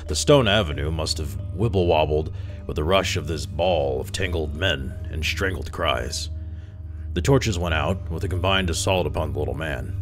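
Low-voiced man reading a story. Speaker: story reader. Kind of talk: storybook narration.

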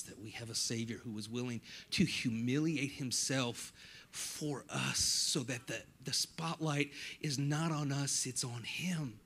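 A man preaching a sermon in a church, moving between hushed, quiet passages and loud, impassioned ones, with the occasional self-deprecating aside. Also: mid-range voice. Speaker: guest pastor. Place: church sanctuary.

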